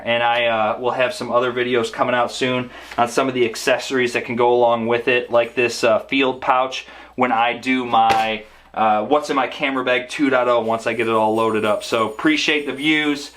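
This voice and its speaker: A man talks through a product review in a relaxed, conversational way, leaning on "uh" fillers as he explains features. His pitch sits in an ordinary middle range for a man. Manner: conversational, frequent "uh" fillers, upbeat sign-off. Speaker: camera gear vlogger.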